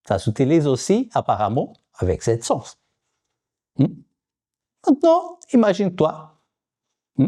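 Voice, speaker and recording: Animated, mellow-voiced Portuguese man. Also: medium pitch, slightly rough. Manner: animated, repeats words to drill them. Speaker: vlogger. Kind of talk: casual language-learning vlog.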